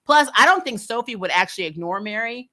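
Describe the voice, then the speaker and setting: On her TV recap show, this woman talks fast in a fairly high, bright voice with lively intonation and a forceful tone. Her commentary is casual and blunt, full of exasperated, sweary opinions as she responds to live comments.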